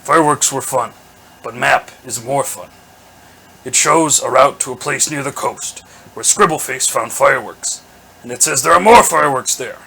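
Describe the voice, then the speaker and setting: A man voicing a boastful male goblin chieftain who booms his orders in broken, grandiose grammar. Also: normal speed, vocal fry, bright, forceful tone, low-quality recording. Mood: commanding. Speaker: game master voicing a character.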